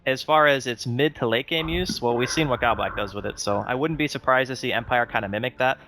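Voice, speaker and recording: A man's voice: medium pitch, fairly quick, music in the background. A man commentating a live esports match, chatty and analytical, breaking down picks and lanes.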